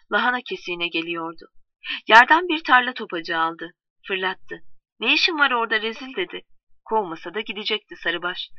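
Female storyteller, measured read, dry and distant on a dull recording. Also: medium pitch, dry recording. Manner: calm measured reading, voicing quoted lines. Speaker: narrator. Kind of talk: storybook narration.

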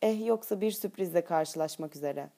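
A woman narrating an audiobook in first person with a steady, intimate reading. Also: lowish voice, moderate pace.

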